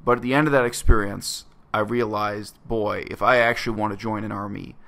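A man's voice: fairly low pitch, fairly even intonation, brisk, gravelly, fairly bright tone. A man, talking earnestly and bluntly to his webcam in a small bedroom. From Canada. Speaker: vlogger. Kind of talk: reflective personal monologue to camera.

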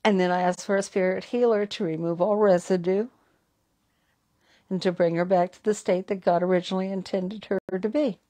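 A woman's voice: medium pitch, steady tone, moderate pace, mellow. A woman with a Southern American accent, a psychic host, telling stories in a rambling way with restarts and repeated words. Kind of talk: live stream talk and storytelling.

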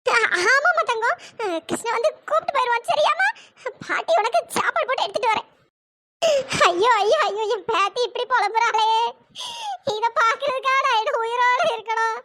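A voice actor voicing a fretful old grandmother in a cartoon story, coaxing and lamenting with repeated cries, through a pitch-raised voice effect. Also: bright, forceful tone.

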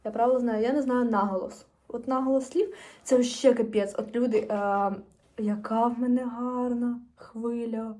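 A woman's voice: a little high, steady tone, unhurried, darkish tone. A teenage girl from Ukraine vlogging casually to camera, chatting in a rambling way with fillers and restarts. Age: teens.

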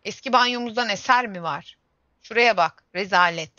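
Young female streamer, 20s, bright voice, chatty and grumbly; lo-fi stream mic. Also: medium pitch, moderate pace. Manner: chatty, exclaims and grumbles to herself while playing. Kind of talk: casual gameplay livestream chat. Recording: dull lo-fi stream audio with faint game music.

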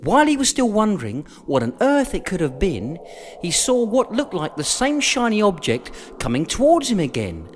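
A man narrating a children's audiobook in an expressive storytelling manner with dramatic pauses. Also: sits high, slight background noise. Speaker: voiceover artist.

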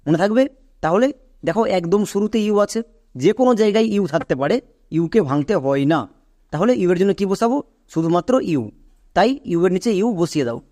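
A man's voice: sits high, lively intonation, fast, dark tone. A man teaching an English spelling lesson. He goes through each word patiently and repeats his points. He checks in with the listener by asking questions.

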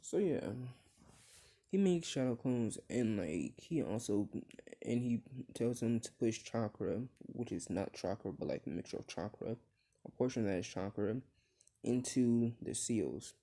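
A young man improvising a fan-fiction story out loud, rambling with many fillers and restarts. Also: fairly low pitch, animated, measured pace.

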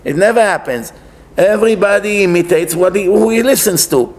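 Speaking a little fast, the Israeli-accented rabbi with a high-pitched voice gives a conversational religious lecture. He sits at a lectern in a wood-panelled synagogue, explaining emphatically, raising rhetorical questions and repeating phrases.

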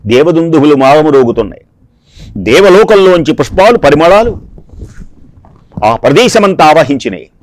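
Man preaching a scripture story, lots of repeated phrases, fairly high voice, dry close sound. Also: very animated, moderate pace, long pauses, dry recording. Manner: dramatic, repeating phrases for emphasis. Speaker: discourse speaker. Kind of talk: devotional storytelling sermon.

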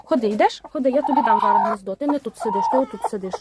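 A woman's voice: fairly high pitch, rapid-fire. A woman keeping a homestead, chatting casually while she coaxes and talks to her hens and geese in a poultry coop. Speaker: homestead keeper. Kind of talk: casual farmyard vlog. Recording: noisy farmyard with clucking hens.

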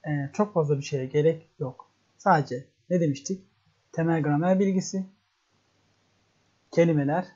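A teacher with a husky, mellow voice talks through a casual lesson, taking each point step by step and posing questions to answer them. The recording sounds slightly dull and lo-fi. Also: medium pitch. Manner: explains step by step, asks itself rhetorical questions. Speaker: English teacher.

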